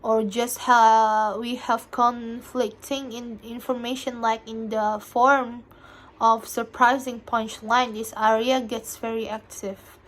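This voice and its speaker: A young woman student reading an interview transcript aloud for a class task, halting and restarting often. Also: on the high side, flat delivery.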